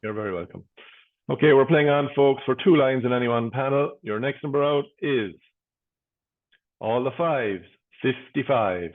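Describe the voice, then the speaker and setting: An Irish man hosting and calling bingo in a measured singsong patter, with paired digits and number nicknames. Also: medium pitch. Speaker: bingo caller and host. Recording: phone-like, narrow-band sound.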